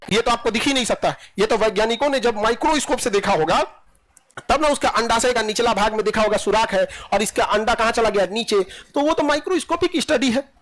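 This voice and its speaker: Male classroom teacher, high pitch, tense bright tone, teasing and jokey. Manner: joking, teasing students, laughing often. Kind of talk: classroom lecture.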